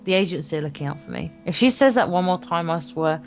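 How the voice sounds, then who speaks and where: Reading visual novel narration as a let's play co-host, this woman fumbles some words and drops in wry, casual remarks while acoustic guitar game music plays. She speaks quickly and expressively in a low, gravelly voice.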